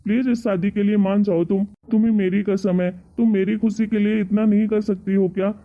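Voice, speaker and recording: A woman with a steady, mid-range, brisk voice close to her everyday one plays a meek young husband in a cartoon story, coaxing his wife. The recording has a tinny, phone-like sound.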